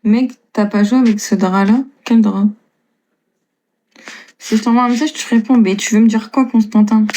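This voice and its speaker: A woman in her twenties from Lille in northern France, with a slight northern French accent, chats casually on a live stream, reading out viewers' comments, answering them, and laughing often. Her voice is fairly high and mellow, with fairly even intonation, normal speed, and long pauses.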